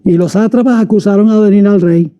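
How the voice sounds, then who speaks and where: High, bright-voiced male pastor preaching. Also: lo-fi sound. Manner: slows and stretches words when reading quoted lines aloud. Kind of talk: sermon reading scripture.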